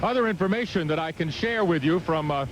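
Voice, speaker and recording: A man reporting live from outdoors in a storm, halting and raising his voice over the wind. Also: fairly high pitch, expressive. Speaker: field reporter. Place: outdoors in a hurricane. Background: loud outdoor storm ambience.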